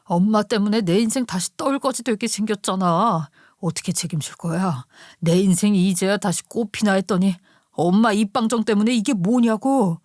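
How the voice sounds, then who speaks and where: A flustered husband, as a woman narrator puts him on, exasperated and pleading in a radio story drama. The voice stays at a middle pitch and is recorded dry and close. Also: moderate pace, darkish tone, dry recording, close to an everyday voice. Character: flustered husband caught between wife and mother.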